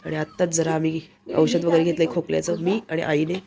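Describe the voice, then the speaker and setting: Brief: woman vlogger, Konkan Marathi accent, brisk chatter to a phone camera. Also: low voice, little pitch movement, vocal fry. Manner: chatty, shows things to the camera. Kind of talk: casual daily vlog narration. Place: family home, indoors.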